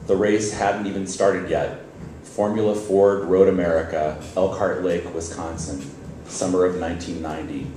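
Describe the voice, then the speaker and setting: At a live reading event, a man with a deep, warm voice reads a first-person story on stage at normal speed with fairly even intonation. His manner is wry and conversational, with occasional stumbles. The sound comes through a distant mic in a very echoey hall, and there's faint noise.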